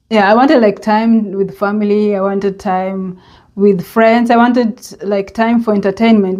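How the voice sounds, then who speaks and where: A woman from Kenya with a Kenyan accent, talking in a reflective personal vlog and pausing often to think. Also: medium pitch, a little mellow. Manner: unhurried and reflective, with many hesitant pauses and fillers. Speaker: vlogger.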